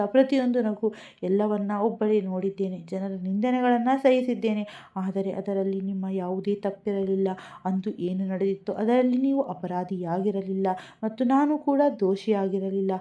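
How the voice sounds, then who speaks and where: A woman's voice: mid-range voice, moderate pace, natural voice. A woman voicing a frightened young single mother who speaks in a trembling, tearful voice. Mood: resolved. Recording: dull lo-fi recording.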